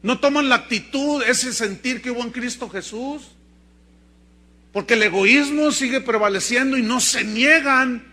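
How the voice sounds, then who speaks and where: High, bright Mexican preacher man. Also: unhurried. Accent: Mexican Spanish. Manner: lively storytelling preacher, acting out dialogue. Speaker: pastor. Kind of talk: sermon.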